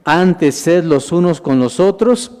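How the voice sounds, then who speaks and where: A man's voice: fairly high pitch, lively intonation, slow, dark tone. A man preaching a Bible lesson, putting questions to the congregation, calling them brothers, and answering himself. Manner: calls listeners "hermanos". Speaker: minister. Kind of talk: sermon, Bible teaching with slides. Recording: long reverb of a large hall.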